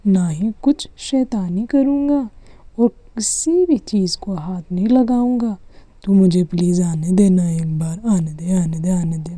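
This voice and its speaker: A whiny little boy , as a woman puts him on, in a doll-play cartoon story, begging over and over with a very dark, mellow tone. The sound is dry and close. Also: medium pitch, dry recording, lightly acted. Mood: pleading. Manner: whiny, pleading, wheedling. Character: mischievous little boy Duggu, pleading.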